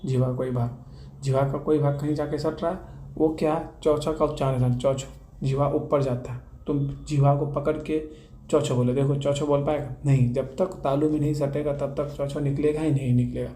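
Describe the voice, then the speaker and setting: A man's voice: mid-range voice, little pitch movement, moderate pace, dark tone. Echoey Bihari-accented male teacher drilling. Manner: repetitive question-and-answer drilling. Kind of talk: classroom-style grammar lesson. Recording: echoey room with faint ambient noise.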